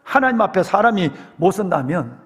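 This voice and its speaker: A man's voice: sits high, big pitch swings, normal speed, fairly bright tone. A man playing a grumbling indignant crowd. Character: complaining crowd of ancient Israelites, indignant. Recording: long church hall reverb.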